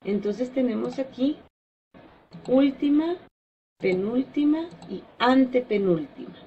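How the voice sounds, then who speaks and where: Female teacher, slow and deliberate, slightly high voice, drawn-out example words, faint background hiss. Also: expressive, muffled recording. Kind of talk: slide-based spelling lesson.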